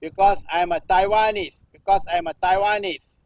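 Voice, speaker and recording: A Singaporean performance artist in his sixties reads news text aloud in halting bursts, restarting phrases and repeating a refrain. His voice sits high and stays steady, with no room sound. He performs inside a temple-like cage at an art festival.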